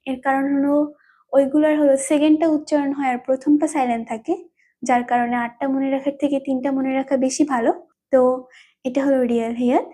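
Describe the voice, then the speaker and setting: A woman's voice: sits high, steady tone, fast talker, dark tone. A woman teaching a language lesson, patiently explaining rules and repeating each term several times. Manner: repetitive.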